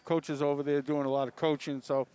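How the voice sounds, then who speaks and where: A man giving color commentary at a high school basketball game with a New England accent, rambling and full of "uh" fillers. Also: level tone, fairly quick, warm tone, clean tone.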